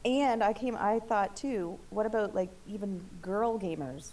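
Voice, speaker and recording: A woman's voice: medium pitch, unhurried, dark tone, recorded from a distance, slight background noise. A woman hosting a casual podcast chat among friends, chatty and trailing off with fillers. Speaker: podcast host.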